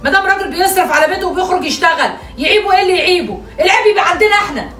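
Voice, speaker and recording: A high-voiced Egyptian woman playing a scolding mother, talking at a rapid clip. She sounds set back from the mic in an echoey room, with music under her. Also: animated, fairly bright tone, far from the mic. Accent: Egyptian Arabic. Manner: scolding, insistent. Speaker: mother in a family skit. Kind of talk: acted family drama sketch.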